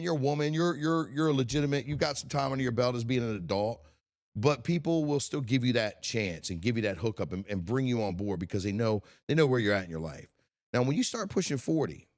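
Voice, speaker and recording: Fired-up guy in his 40s doing a solo motivational podcast, blunt, cusses, stumbles over repeated words, mid-pitch voice. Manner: impassioned, blunt, swears, repeats words while thinking. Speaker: podcast host.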